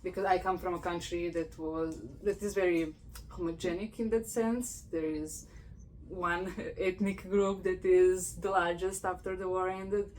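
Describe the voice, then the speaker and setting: A woman's voice: on the low side, fairly even intonation, unhurried, darkish tone, slight background noise, rough recording. A woman from Croatia, hosting an interview in a thoughtful, somewhat hesitant way over a video call. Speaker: host, PhD student. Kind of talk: casual interview talk.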